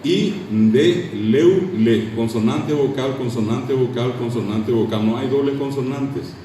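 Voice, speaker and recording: A man's voice: medium pitch, moderate pace, a little hiss or hum. Paraguayan man lecturing in an echoey room. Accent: Paraguayan Spanish. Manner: animated, asks the class questions and repeats sounds for drill. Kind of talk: classroom lecture on language. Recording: echoey hall from far off.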